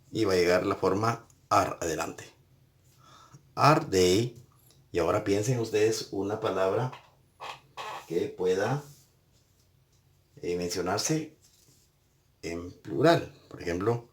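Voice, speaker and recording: Slow, low-voiced man teaching a lesson. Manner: patient, repeats and spells out each step. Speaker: English teacher. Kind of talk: recorded classroom lesson.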